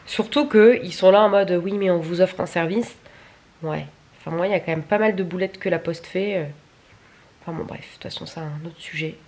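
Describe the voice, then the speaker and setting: This young adult woman's voice is fairly low and darkish, and she talks fairly quickly over a little hiss or hum. Filming stories as a vlogger, she chats confessionally to camera, candid and crude, grumbling and laughing at herself.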